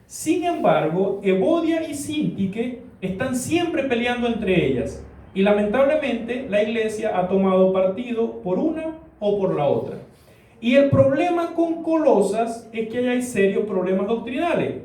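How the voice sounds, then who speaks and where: A man playing a patient, gently explaining older apostle, in a voice sitting very high for a man. The sound is roomy and comes from a distant mic. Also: very animated, a little slow, exaggerated voice. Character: the apostle Paul, patient older male advisor. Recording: echoey church room, distant mic.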